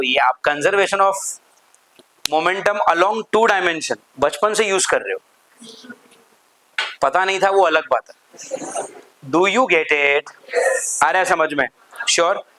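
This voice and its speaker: Male physics teacher, fairly high bright voice, keeps asking the class if they follow. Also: slight background noise, rough recording. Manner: asks the class constant check questions, mixes Hindi with English terms. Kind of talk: classroom lecture.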